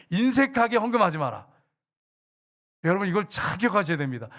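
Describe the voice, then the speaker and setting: A man's voice: fairly high pitch, a bit bright. A male pastor preaching a conversational sermon in a church, often asking the congregation questions and adding humorous asides. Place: church sanctuary.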